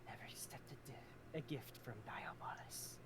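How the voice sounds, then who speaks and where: A woman's voice: unhurried, natural voice. A woman voicing a wounded, irritable young warrior woman in a hissing, curt whisper, as whispered role-play.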